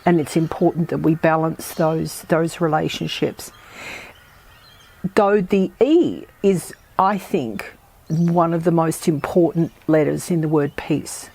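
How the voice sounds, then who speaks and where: A woman hosting a reflective solo podcast, her voice croaky as she recovers from a virus, speaking in a measured, thoughtful way. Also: low-pitched, a little mellow. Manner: measured, thoughtful, with pauses and restarts. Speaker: podcast host.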